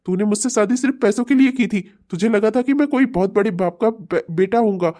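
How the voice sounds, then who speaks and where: A woman's voice: medium pitch, a little fast, dark tone, close to an everyday voice. A woman voicing a smug, mocking man in a cartoon comedy who taunts his rival and later rages at his wife. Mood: furious. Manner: mocking and sly, sneering. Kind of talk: Hindi cartoon comedy voice acting.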